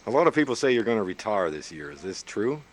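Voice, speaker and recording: A young man in a mock interview, talking in a somewhat low voice. He drawls along deadpan, padding his questions with fillers. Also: fast talker. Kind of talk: improvised comic interview.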